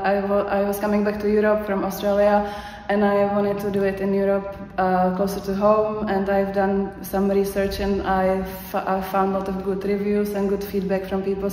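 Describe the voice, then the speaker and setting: A young woman from the Czech Republic, speaking with a Czech accent, gives a hesitant, unscripted testimonial as a course graduate. Her mid-range voice has a darkish tone, and her speech is full of fillers and restarts. The echoey hall adds faint ambience and slight background noise.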